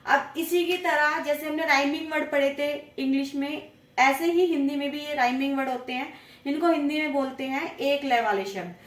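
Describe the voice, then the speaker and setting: A woman's voice: sits high, normal speed. A woman teacher giving a children's lesson, stretching out each syllable as she sounds out words. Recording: echoey room, voice from a distance.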